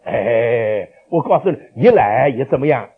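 A man preaching a sermon, asking rhetorical questions and swinging between loud, dramatic lines and quiet ones. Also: medium pitch, animated, a little slow, husky. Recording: lo-fi dull recording.

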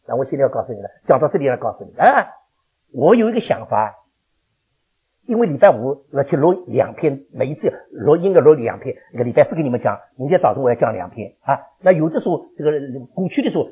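An older man preaching a sermon to his congregation as their pastor, animated and chuckling as he fires questions at the listeners. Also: a little high, husky. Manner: animated, quizzes the congregation with questions, laughs often. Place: church.

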